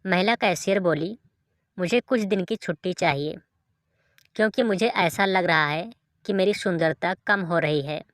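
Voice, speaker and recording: A woman reading short jokes aloud in an even storytelling delivery, as a dry close voice-over. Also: lowish voice, moderate pace. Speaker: joke reader.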